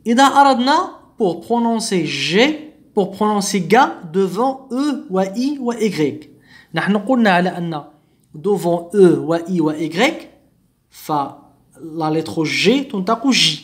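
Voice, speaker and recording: Guy teaching phonetics, kinda high voice, slow and careful, repeats every sound. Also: expressive. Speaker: French teacher. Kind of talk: phonetics lesson.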